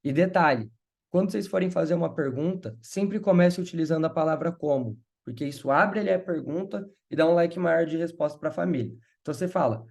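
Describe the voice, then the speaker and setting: A man's voice: a little high, vocal fry, darkish tone. A man with a Brazilian Portuguese accent giving a casual sales training talk and acting out sample phone calls. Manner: acts out calls in quick shifts of voice. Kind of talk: casual training talk with role-play examples.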